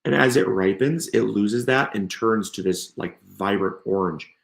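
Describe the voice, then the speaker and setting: A man's voice: lowish voice, unhurried, creaky, reverberant. A man hosting a gardening live stream, gushing over seeds and plants, his voice strained and tired from coughing. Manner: enthusiastic, gushing. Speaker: gardening channel host. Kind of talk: live stream product showcase.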